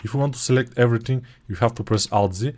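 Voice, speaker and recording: A 3D modeling course instructor, a Bulgarian-accented man speaking English as a second language, talks fast in a mid-range, darkish voice. His software tutorial walkthrough is chatty and digressive, and he often corrects himself.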